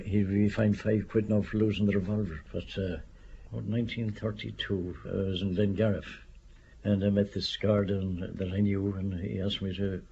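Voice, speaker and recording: Gravelly old storyteller. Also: male voice, lowish voice, a little mellow, slight background noise. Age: older. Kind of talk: oral history storytelling. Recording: dull lo-fi archive radio.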